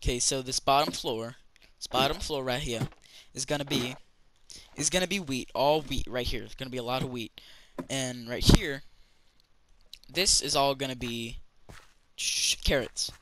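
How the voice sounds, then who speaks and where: Over a noisy background, this man talks at a normal speed in a medium-pitched voice. He hosts a gaming channel and offers loose let's-play commentary on a building game, full of fillers and false starts.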